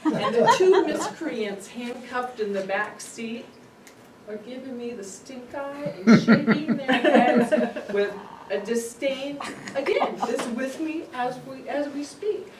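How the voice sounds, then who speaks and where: A woman with a Californian accent giving a humorous personal speech at a club meeting, an animated storyteller who laughs often and acts out what people said. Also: high voice, slow, a loud crowd. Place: meeting room. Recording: echoey room from far off, noisy.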